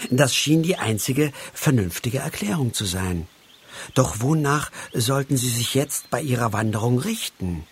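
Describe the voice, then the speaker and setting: A man narrating a storybook, reading aloud slowly and expressively. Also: medium pitch, expressive, slightly rough.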